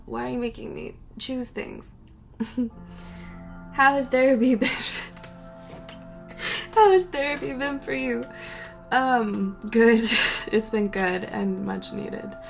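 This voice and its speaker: A young woman with a slightly high voice and vocal fry chats casually while answering viewer questions. She rambles, breaks off mid-sentence, and laughs between thoughts.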